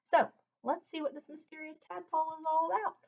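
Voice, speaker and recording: A woman with a high-pitched, gravelly voice reads a picture book aloud at a brisk clip, her intonation fairly even and the recording's highs cut off. She's at home on the floor, hosting the reading with chatty asides and simple explanations for young children.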